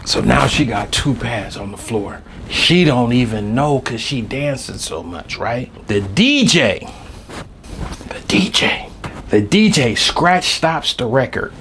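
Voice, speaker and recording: Man, podcast host, comedic storytime, mid-pitched voice, swings from low mutters to loud bursts. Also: very animated, slow pace, gravelly, a little hiss or hum. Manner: fills his talk with "you know what I'm saying" and "right".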